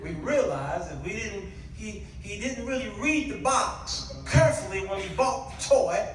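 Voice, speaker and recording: A guest preacher with a high, fairly bright, expressive voice delivers an animated church sermon with call and response at a measured pace, shifting between conversational storytelling and emphatic exclamation. He is indoors at a church, recorded in an echoey hall from a distant mic with faint noise.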